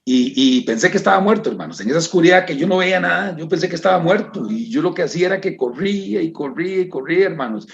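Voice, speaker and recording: A man's voice: on the high side, lively intonation, quick pace, vocal fry, hardly any pauses, muffled recording. A man with a Costa Rican accent giving an emotional personal testimony to a church congregation, often calling out to his brothers and sisters. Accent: Costa Rican Spanish. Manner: emotional, repeats "hermanos" and "¿verdad?".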